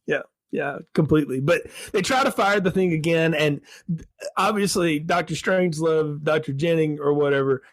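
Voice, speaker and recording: Podcast co-host, male, higher register, dry studio sound, loose and chatty. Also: moderate pace, dry recording. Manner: rambling, laughs often, animated. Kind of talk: casual film review chat.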